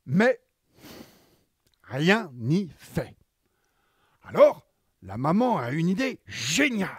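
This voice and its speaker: A man narrating a story for children in an animated storytelling style. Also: on the high side, slow pace, breathy edge, dry recording, clean studio sound.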